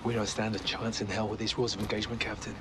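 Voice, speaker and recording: An actor playing a frustrated, defiant army sergeant in a video game, blunt, bitter and clipped. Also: male voice, lowish voice, little pitch movement, racing, noisy background, lightly acted. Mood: bitter frustration. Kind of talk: cinematic video game acting. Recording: game music behind dialogue.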